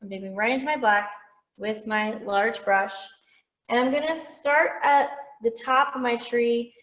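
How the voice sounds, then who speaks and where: A woman's voice: on the high side, unhurried, fairly bright tone. A woman teaching a step-by-step painting lesson over a video call, chatty, with lots of "um" fillers and light self-teasing. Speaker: painting instructor. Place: art studio. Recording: roomy lo-fi video call audio.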